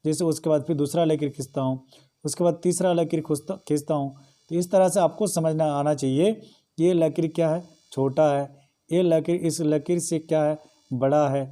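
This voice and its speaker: Guy teaching grammar, kinda high voice but really dark and muffled, keeps asking the class questions. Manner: explains in Hindi, repeats rhetorical questions.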